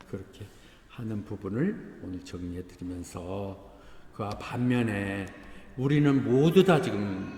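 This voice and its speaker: Korean pastor preaching in echoey hall. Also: male voice, mid-range voice, a little mellow, slight background noise. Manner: conversational preaching, breaks into acted dialogue, chuckles at congregation. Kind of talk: sermon. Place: church sanctuary. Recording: echoey church hall, faint ambience.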